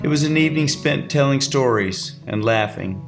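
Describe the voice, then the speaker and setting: A man giving a calm, reflective scripted narration. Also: mid-range voice, moderate pace. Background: guitar music.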